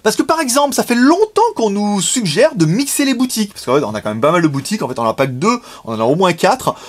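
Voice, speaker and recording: Brief: male vlogger, high and very animated voice, frank slangy chat to camera, quick chuckles. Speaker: vlogger and shop owner. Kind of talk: casual to-camera update. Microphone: camera facing speaker.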